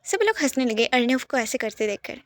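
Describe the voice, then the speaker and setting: A woman with a high voice narrates a serialized romance story at a plain, steady pace. The sound is dry and close, with no room around it. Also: fairly quick, no echo.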